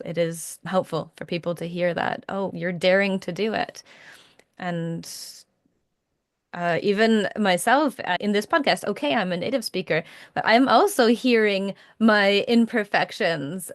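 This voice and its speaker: A woman with a North American accent hosts a casual podcast chat. She talks in an effusive, rambling way and thanks her guest warmly. Her voice sounds close and dry, with no room around it. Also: medium pitch, no echo. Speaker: podcast host.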